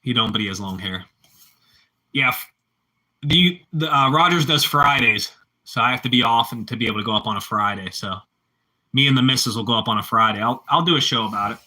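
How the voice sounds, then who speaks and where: Speaking briskly in a pushed, bright, medium-pitched voice, a man with a Pittsburgh accent answers his live-stream chat casually, rambling and saying things more than once. The recording quality is low.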